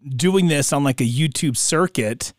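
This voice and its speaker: A man's voice: mid-range voice, a little slow, no room sound, studio quality. A man chatting casually about sports as a podcast co-host, with slangy bro talk.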